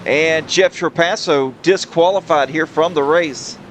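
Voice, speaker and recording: Man, sim racing play-by-play, higher voice, excitable, engine noise behind. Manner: excitable play-by-play, quick reactions. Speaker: lead race commentator.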